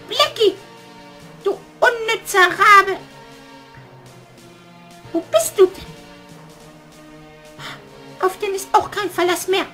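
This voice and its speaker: A very high, shrill old witch cackles and schemes in a puppet theater play, played by a man in falsetto. She drags her words out slowly and bosses everyone around. Faint music plays behind her. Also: bright, forceful tone, heavily acted. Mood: bossy.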